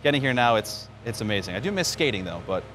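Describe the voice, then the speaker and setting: A baseball radio play-by-play announcer from New York, United States, answers interview questions in a conversational, storytelling style outdoors at a spring training ballpark. His lowish, fairly bright voice talks fast with big pitch swings. Background noise and outdoor ambience are clearly audible.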